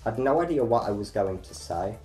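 A man's voice: on the low side, expressive, a little fast, warm tone. A young man hosting a casual behind-the-scenes chat about his film, chatty and self-deprecating. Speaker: filmmaker, channel host. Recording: roomy echo, faint music.

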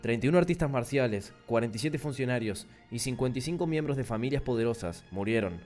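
Rioplatense man, mid-pitched, chatty story recap with slangy asides, soft music under. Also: expressive, quick pace. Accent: Rioplatense Spanish. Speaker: recap narrator. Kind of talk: casual comic story summary.

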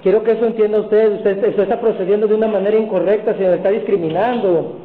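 A man's voice: high voice, steady tone, quick pace, a little hiss or hum. A male schoolteacher in a classroom, firmly and formally insisting during an argument, recorded on a phone. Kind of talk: arguing in a classroom. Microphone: phone video from the room. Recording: tinny, echoey phone video.

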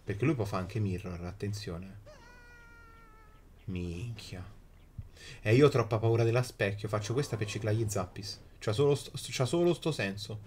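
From a small indoor room, a streamer commentates live mobile gameplay, repeating himself and cursing in frustration. His low voice has a darkish tone at normal speed, with a little hiss or hum on the recording.

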